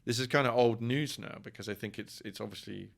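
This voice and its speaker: The guest on this conversational podcast interview is a middle-aged English professor, from England, speaking fairly quickly in a gravelly, medium-pitched voice. His talk is wry and meandering, peppered with repeated words while he thinks aloud.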